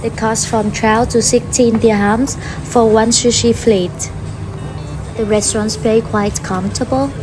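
With music playing underneath, a female food vlogger narrates a review in simple, friendly non-native English marked by a Vietnamese accent. Her pitch is fairly high, her tone steady and her pace slow.

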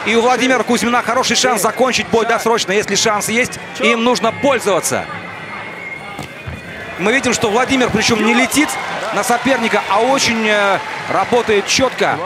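A man giving live sports commentary on a fight. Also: high voice. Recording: arena music and crowd behind voice. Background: music and crowd.

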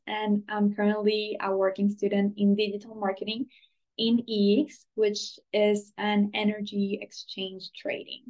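A woman in her twenties from Venezuela, a student ambassador, introducing herself on a video call in a friendly, brisk way. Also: mid-range voice, a little mellow. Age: 20s. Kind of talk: casual self-introduction. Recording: slightly dull video-call audio.

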